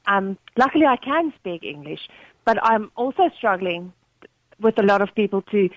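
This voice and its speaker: Calling into a radio show by telephone, a woman with an Afrikaans-influenced South African accent stays polite and agreeable, hesitating often with fillers. Her mid-range voice is expressive and moderately paced, with no echo, over a muffled phone line.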